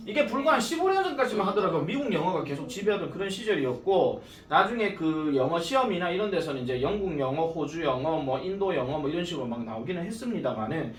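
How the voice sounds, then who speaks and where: A man teaching an English grammar lesson at a cram school. He talks casually and jokes, and reads the English lines out slowly. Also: fairly high pitch, very animated. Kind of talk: classroom grammar lecture. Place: classroom. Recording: echoey classroom from far off.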